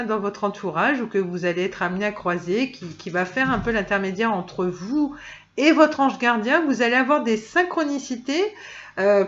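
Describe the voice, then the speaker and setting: A woman's voice: mid-range voice, fairly bright tone, dull audio. A woman reading oracle cards in a casual, chatty way, full of hesitations and restarts. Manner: chatty, many fillers and restarts. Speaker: tarot card reader. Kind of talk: casual spoken guidance video.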